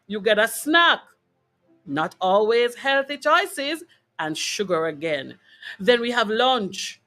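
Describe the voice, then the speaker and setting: A Jamaican-accented woman with a sharp, high-leaning voice hosts a wellness broadcast. In an informal motivational health talk to a live online audience, she speaks emphatically and checks in with short tag questions.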